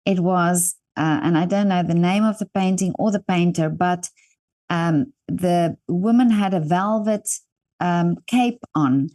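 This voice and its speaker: With a fairly low pitch and no rush, a South African interview host, a native Afrikaans speaker, talks with her guest in a South African accent. She comes across as warm and supportive, rambling and restarting as she goes.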